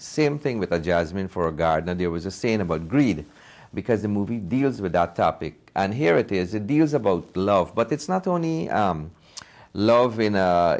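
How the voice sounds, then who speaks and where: In a TV studio, a man interviewed as a filmmaker answers earnestly and conversationally, repeating phrases for emphasis. His voice sits low and is a little mellow.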